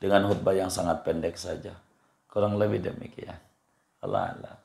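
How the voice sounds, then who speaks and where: A man, a cleric giving a relaxed religious study talk and answering questions in a colloquial, repetitive way. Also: deep voice, normal speed, creaky. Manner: easygoing, colloquial, repeats phrases, chuckles.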